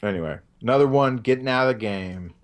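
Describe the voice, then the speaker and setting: A man co-hosting a casual film chat, jokey and animated, laughing often. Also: mid-range voice, fast. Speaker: podcast co-host.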